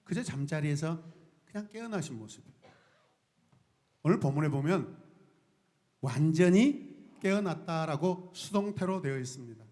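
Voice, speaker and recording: Male pastor preaching, fairly high voice, lively, bursts into shouts, calls on the congregation. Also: normal speed, long pauses. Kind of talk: sermon.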